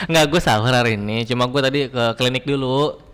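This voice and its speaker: A man's voice: medium pitch, a bit bright, clean tone, in a large hall. A man, a co-host trading playful teasing jokes in casual banter. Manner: playful, quick teasing replies.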